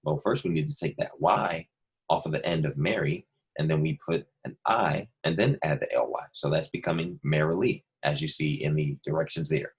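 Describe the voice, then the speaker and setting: A man's voice: low-pitched, slightly rough. A male second grade teacher patiently walking young students through a worksheet, explaining each step and repeating key points. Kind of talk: remote lesson walkthrough.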